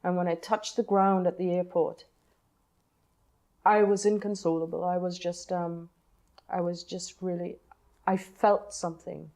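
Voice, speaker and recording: A woman in her sixties, from Trinidad, speaks in a mellow, fairly low voice. She tells personal stories in an interview thoughtfully, with frequent hesitations. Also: level tone, unhurried, long pauses. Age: 60s. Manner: hesitant, many ums and uhs, thoughtful. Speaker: novelist, guest. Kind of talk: reflective personal storytelling in interview.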